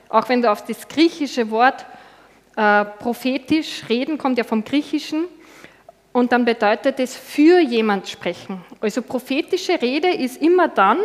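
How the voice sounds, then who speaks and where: Austrian woman preaching in an echoey hall. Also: on the high side. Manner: personal, conversational, says "genau" often. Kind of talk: sermon. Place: church hall.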